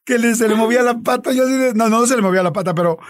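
A man's voice: very high-pitched, very fast. A man, hosting a casual chat and telling stories animatedly, acting out the dialogue. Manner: animated storyteller, acts out dialogue.

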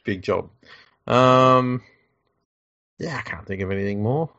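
A man's voice: mid-range voice, unhurried, pushed and bright, highs cut off. An Australian man co-hosting a podcast in casual chat, with a laconic, slangy drawl. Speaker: podcast co-host.

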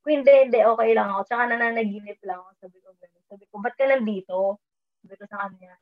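A woman with a mid-range voice and steady tone speaks rapid-fire as she casually tells about a dream she had. She mixes English into her talk and raises her voice when quoting herself, on a tinny, phone-like line.

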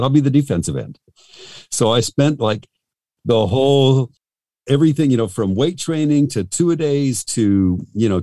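Deep-voiced man telling rambling stories. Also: mellow, no room sound. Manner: rambling, full of fillers and restarts. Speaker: radio host and voice actor, interview guest. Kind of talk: casual storytelling in an interview.

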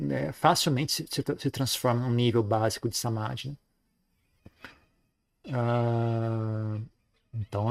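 Man giving a relaxed dharma talk. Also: medium pitch. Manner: relaxed, frequent "né?" tag questions. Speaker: Buddhist teacher.

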